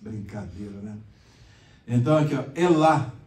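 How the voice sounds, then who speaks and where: A man's voice: medium pitch, a little slow, mellow. Brazilian man teaching in echoey room. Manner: chatty, explanatory, asks the class questions. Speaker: pastor and Bible teacher. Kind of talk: conversational Bible class teaching. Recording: echoey room, mic far off.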